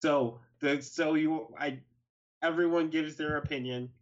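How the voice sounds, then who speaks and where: A man on a casual podcast, reading out the bracket matchups in a halting way. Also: on the high side, steady tone. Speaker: podcast panelist running the brackets. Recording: dull lo-fi mic.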